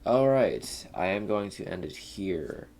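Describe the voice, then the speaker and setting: A man's voice: low voice, animated, slow, a little mellow, slight background noise. A young man hosting a gaming channel, reading a visual novel aloud in a laid-back way and muttering casual asides between lines.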